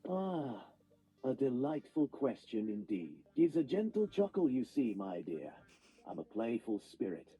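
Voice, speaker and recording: A man's synthetic voice playing a gentle, whimsical ghost-cat AI toy with an English accent, speaking in flowery, poetic lines. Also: mid-range voice, sing-song, unhurried, husky, lo-fi sound, heavily acted. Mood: playful. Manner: flowery, poetic, reads out its own actions.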